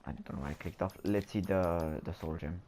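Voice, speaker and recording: A man's voice: low-pitched, a little fast, crowd noise. A man giving casual gameplay commentary as host, rambling and hesitant as he thinks aloud. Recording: voice-over with game music behind.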